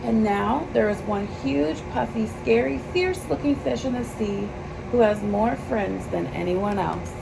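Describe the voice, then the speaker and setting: Gravelly-edged woman reading a children's storybook. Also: medium pitch, a little slow. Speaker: children's picture book reader. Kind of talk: read-aloud storybook narration. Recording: clear steady background noise.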